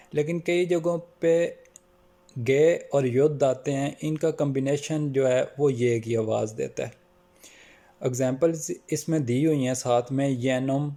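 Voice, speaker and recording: A man giving a calm pronunciation lesson, slowing down to spell out example words. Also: medium pitch. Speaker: language teacher.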